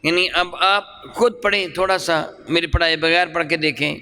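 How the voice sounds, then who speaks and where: A man's voice: a little high, normal speed, pushed and bright, clear, resonant tone. Man teaching Quran recitation in a reverberant hall. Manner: drills sounds, asks questions and repeats answers. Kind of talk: classroom lesson with call and response.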